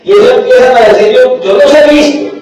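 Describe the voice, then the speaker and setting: High-pitched man preaching, echoey hall. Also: very animated, a little fast. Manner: fiery preaching, rising to shouts. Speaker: pastor. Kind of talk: sermon. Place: church hall. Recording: echoey church hall, mic at a distance.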